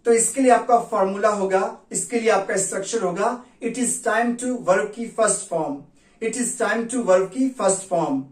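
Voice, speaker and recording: A woman teaching a spoken English lesson in Hindi, repeating each example sentence slowly and deliberately. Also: medium pitch. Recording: roomy echo, distant mic.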